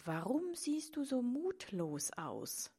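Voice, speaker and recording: A woman's voice: on the high side, takes it slowly, husky, voice pushed up, full character voice. Woman playing a cheery tiny old lady. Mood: cheerful, kind. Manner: warm, welcoming, animated.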